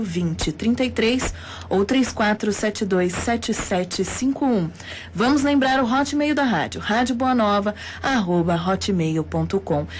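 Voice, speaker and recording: A woman's voice: mid-range voice, a little hiss or hum. Brazilian woman radio host. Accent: Brazilian Portuguese. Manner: announcer-like, reads phone numbers and email slowly. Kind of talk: live radio interview hosting. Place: radio studio.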